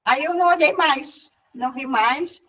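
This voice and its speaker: Woman, high-pitched, heard from a distance, casual spiritual storytelling, frequent restarts. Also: normal speed, fairly bright tone. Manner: storytelling with many restarts and quoted dialogue. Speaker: participant in a spiritual group meeting.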